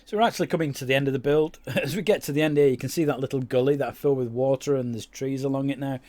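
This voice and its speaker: A man's voice: mid-range voice, very fast, mellow. A man giving casual, rambling commentary over his own gameplay, with many fillers and restarts. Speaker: game YouTuber.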